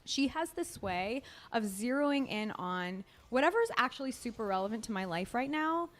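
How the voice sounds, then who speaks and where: High-voiced laughing American woman. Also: moderate pace. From born in Israel, American. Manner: animated, laughs often, self-deprecating. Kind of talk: casual podcast chat.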